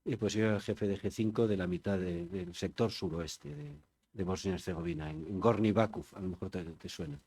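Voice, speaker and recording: A man's voice: sits low, a little fast, mellow, slightly rough. An older man from Spain giving an informal public talk, chatty and digressive, often turning to the audience with questions. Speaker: conference speaker.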